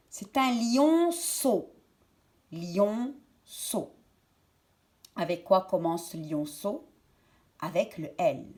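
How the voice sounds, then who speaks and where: A woman with a fairly high voice teaches a lesson to young children. She speaks slowly and clearly, repeating words and syllables.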